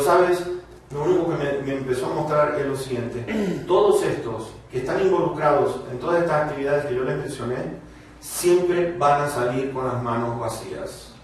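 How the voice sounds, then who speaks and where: A man's voice: on the high side, recorded from a distance, a little hiss or hum. A man preaching a sermon, speaking emphatically to his congregation, his voice rising and falling. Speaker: pastor. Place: church hall. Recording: very echoey hall, voice from afar.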